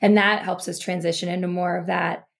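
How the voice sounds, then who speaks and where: A woman's voice: on the low side, flat delivery, a little fast, creaky. A young woman hosting a podcast interview, thinking aloud in a reflective way with lots of "like" and "you know". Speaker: podcast host.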